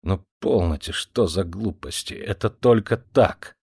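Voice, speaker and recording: A man reading a gruff, sneering cavalry officer. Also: low-pitched, unhurried, a little mellow, no room sound, clean studio sound, pitched below the performer's own voice, heavily acted. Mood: coaxing. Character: coarse, hot-tempered older male cavalry officer. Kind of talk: audiobook character reading.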